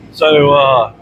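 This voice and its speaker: His voice runs on the high side, thick and chesty from bronchitis, broken up by frequent throat clearing. He's a vlog host rambling to camera from a workshop in a relaxed, folksy, colloquial style, with a heater's steady noise behind him.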